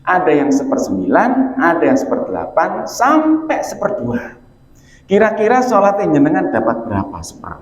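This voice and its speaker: Folksy preacher, higher voice. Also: male voice, wildly swooping pitch, normal speed. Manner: folksy and joking, addressing listeners directly. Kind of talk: evening mosque sermon. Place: mosque. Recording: echoey, slightly muffled mosque recording.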